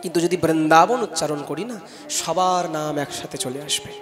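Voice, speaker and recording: A man with a Bengali accent giving a devotional scripture discourse, chanting Sanskrit verses loudly and then explaining them conversationally while urging the audience to respond. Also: a little high, moderate pace, in a large hall. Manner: urges the audience to call out responses. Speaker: Bhagavat katha preacher. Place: large festival gathering hall.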